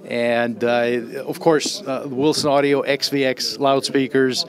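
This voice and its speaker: A middle-aged man from Austria speaks into a handheld mic held close, in a casual, eager introduction. He rambles, circling back with fillers and repeated starts, at an ordinary middle pitch. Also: flat delivery, slow pace. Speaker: audio writer and guest. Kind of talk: casual spoken introduction to camera. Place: trade show demo room.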